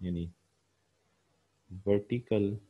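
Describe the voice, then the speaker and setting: Lecturer, low voice, dull recording. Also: male voice, very slow, slightly rough. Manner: explains a cost graph step by step, repeating and pointing at lines; frequent "uh" fillers. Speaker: economics lecturer.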